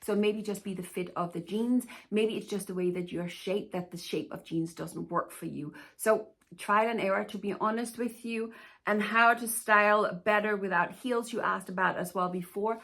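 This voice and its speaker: A woman's medium-pitched, slightly bright voice moves at normal speed as she answers viewer questions on her casual vlog. Born in Denmark, she's a plus-size fashion stylist and YouTuber whose manner is chatty and reassuring, often punctuated by "to be honest with you."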